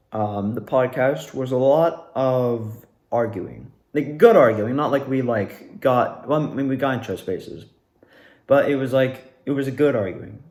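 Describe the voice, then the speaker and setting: A young adult man, a drama student, talks casually about his own experiences in a rambling monologue, often correcting himself. His mid-range voice is a little mellow and sounds reverberant.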